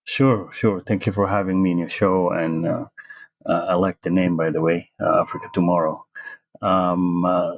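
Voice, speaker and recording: A middle-aged man, born in Sudan and raised in the US, answering interview questions slowly and hesitantly, with many pauses. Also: low voice, little pitch movement, vocal fry, no echo. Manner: hesitant, many fillers and restarts, slow pace. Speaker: interview guest, tech consultant.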